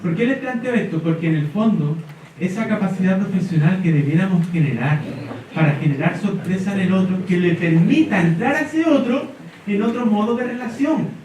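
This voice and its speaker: Middle-aged man, animated storyteller, slightly high voice, distant mic, big echoey hall, faint noise. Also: normal speed. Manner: animated storyteller, acts out quotes. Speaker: speaker at an education panel. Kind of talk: storytelling talk to an audience.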